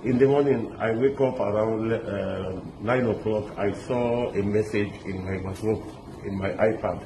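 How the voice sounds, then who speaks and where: A middle-aged Lebanese man recounts being kidnapped in an interview, talking excitedly and haltingly with many restarts and some pidgin words mixed in. His voice sits on the low side. The recording is echoey, with loud street ambience and background noise.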